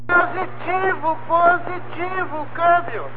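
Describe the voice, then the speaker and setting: A man's voice: very high voice, fairly even intonation, slow pace. A man calling over a CB radio, signing off each turn with radio protocol. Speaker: radio operator. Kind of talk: CB radio call. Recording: tinny noisy radio transmission.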